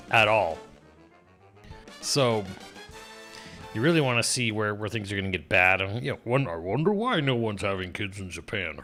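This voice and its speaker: Sardonic, rambling man with a bright voice. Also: lowish voice. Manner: rambling, profane, sardonic, frequent restarts. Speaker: streamer. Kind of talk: casual livestream commentary.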